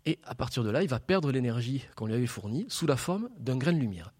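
A man with a Toulouse accent gives a public science lecture into a wired microphone. He jokes with his audience and explains the physics through homely everyday images, keeping his pitch at an ordinary middle height. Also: sing-song, a little fast, darkish tone, breathy edge. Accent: Toulouse, southern French. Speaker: laser researcher giving a public talk.

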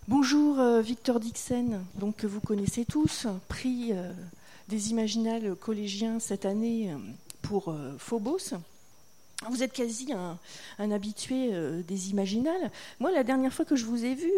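Female host, mellow tone, higher pitch, friendly questions. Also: normal speed. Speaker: interviewer host. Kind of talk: festival interview.

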